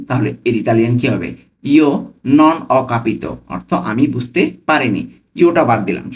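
Guy with a bangladeshi bengali accent teaching italian phrases, repeats each word slow and clear, everyday mid-pitched voice. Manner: breaks phrases into words and repeats them slowly. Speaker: language teacher. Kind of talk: language lesson.

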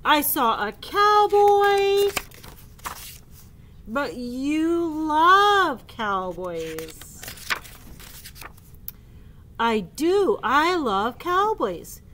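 Woman reading as a mournful big elephant, storybook voice, loud wailing, high and slow. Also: big pitch swings, a little hiss or hum, heavily acted. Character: sad gloomy male elephant, big and slow. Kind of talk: storybook read-aloud.

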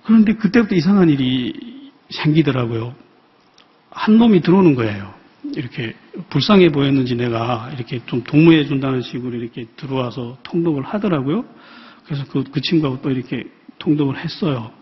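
Man telling a halting sermon testimony. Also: medium pitch, lively intonation. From North Korea. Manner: halting, reflective storytelling with frequent pauses and fillers. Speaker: missionary preacher. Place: large church sanctuary. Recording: dull, reverberant church hall sound.

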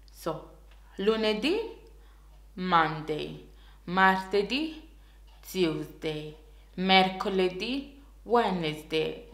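Very slow-speaking woman teaching a language. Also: medium pitch, reverberant. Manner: careful, repeating each word slowly. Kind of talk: slow beginner language lesson.

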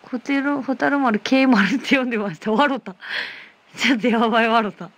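Speaking at a normal speed in a fairly high voice, a woman runs a casual phone livestream, reading comments aloud and replying with playful teasing. There's no room sound on the recording.

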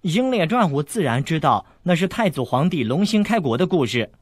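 男声扮演的娇憨少女, 语调活泼起伏, 嗓音略沙哑. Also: male voice, on the high side, big pitch swings, fairly quick, husky, no echo, pitched above the performer's own voice. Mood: earnest. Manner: innocent, earnest. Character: naive young noble girl, sweet and innocent.

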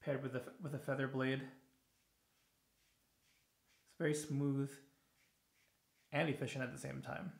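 Man, 30s, easygoing shave-video host, tired and rambling, middle pitch, bouncy bathroom echo. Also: slow, vocal fry, pauses often. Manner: relaxed, rambling, frequent fillers and restarts. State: a little tired in the evening. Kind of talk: casual product review while shaving. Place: small home bathroom. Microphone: camera on the counter at close range. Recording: echoey bathroom.

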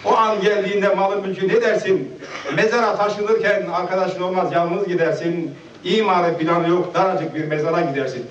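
A man in his fifties giving a halting, nervous speech at a gathering and reciting a heartfelt poem. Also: high voice, fairly even intonation, slight background noise. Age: 50s. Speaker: guest speaker at a farewell gathering. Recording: echoey, distant, dull lo-fi home video.

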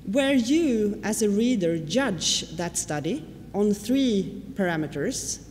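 A Swedish-speaking woman gives a conference lecture in an echoey hall, explaining things with frequent fillers and questions to the audience. Her mid-range voice is expressive, slow and somewhat dark, and faint noise sits under the reverberant sound.

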